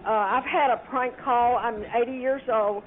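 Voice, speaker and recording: The target of a prank call, a woman in her 80s, answers the telephone at home in a slightly high voice with fairly even intonation and normal speed. Through the tinny line she angrily tells off the caller, indignant and worked up.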